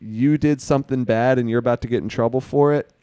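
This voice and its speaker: A man co-hosting a podcast, talking in an animated way and swearing freely. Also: medium pitch, quick pace, clean tone, dry recording. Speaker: podcast co-host. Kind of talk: casual chat.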